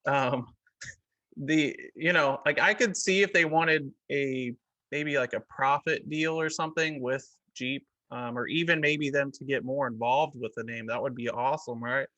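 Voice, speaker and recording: Bright-toned man in loose podcast chat. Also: mid-range voice, a little slow. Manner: loose, filler-heavy, with many likes and ums. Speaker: podcast co-host. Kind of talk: casual opinion chat.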